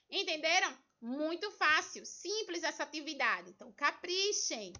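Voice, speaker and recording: A woman from Brazil teaching young children with a very high, piercingly bright voice. She speaks patiently and breaks words into syllables for them. The recording is dull and lo-fi. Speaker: primary school teacher. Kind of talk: remote homework lesson walkthrough.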